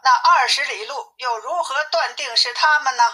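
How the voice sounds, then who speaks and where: A woman doing a fretful gentle monk master. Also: high voice, moderate pace. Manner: fretful questioning. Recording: tinny phone-like sound.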